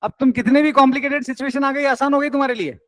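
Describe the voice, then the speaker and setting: Man, high voice, accounts teacher, encouraging classroom teaching, dry sound. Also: fairly even intonation, very fast, fairly bright tone, no echo. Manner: coaxing and encouraging, mixing English terms.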